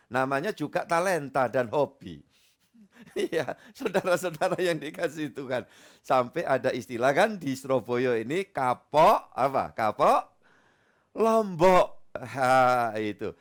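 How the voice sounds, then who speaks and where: A middle-aged male pastor, preaching a humorous, conversational sermon full of asides to the congregation. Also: on the high side. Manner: chatty, joking, peppered with asides to the congregation.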